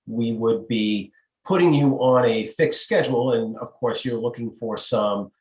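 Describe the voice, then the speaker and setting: A man on a town board asking polite, measured questions at a public meeting. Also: mid-range voice, echoey room, low-quality recording.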